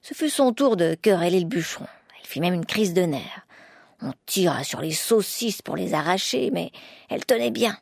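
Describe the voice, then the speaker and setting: Woman narrator, low voice, dry close mic, wry storybook reading. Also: lively intonation, moderate pace, vocal fry, no echo.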